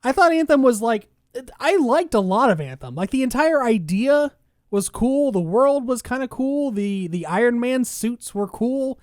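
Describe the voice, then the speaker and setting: A man's voice: very high voice, very animated, unhurried, a little mellow, dry recording. Man co-hosting a podcast, dry studio sound. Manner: reads articles aloud then riffs with sarcastic asides. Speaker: podcast co-host. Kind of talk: casual gaming news chat.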